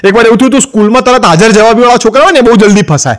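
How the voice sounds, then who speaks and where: High-voiced fast-talking Gujarati comic man. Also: expressive. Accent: Gujarati, Ahmedabad. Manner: acts out quoted wives and husbands in raised voices. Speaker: stand-up comedian. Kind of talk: Gujarati joke telling to camera.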